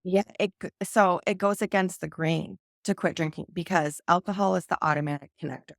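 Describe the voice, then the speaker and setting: A woman with a lowish, gravelly voice speaks earnestly and openly in long flowing runs. She is a podcast guest telling her own story in a close, dry sound. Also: fairly quick, no room sound. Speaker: podcast guest, sober coach. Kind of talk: candid personal storytelling in a podcast conversation.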